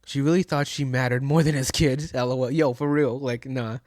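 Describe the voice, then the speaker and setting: A man's voice: mid-range voice, steady tone, fairly quick, darkish tone, dry recording, clean studio sound. A man in his twenties giving casual, profane reaction commentary at home, chatty and full of slang. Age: 20s. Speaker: reaction streamer.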